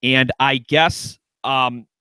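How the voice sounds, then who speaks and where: A man's voice: mid-range voice, fairly even intonation, extremely slow, pushed and bright, smooth, no room sound, low-quality recording. A man hosting a talk radio show in casual chat, joking around and restarting his sentences a lot. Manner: joking, lots of restarts and stammers.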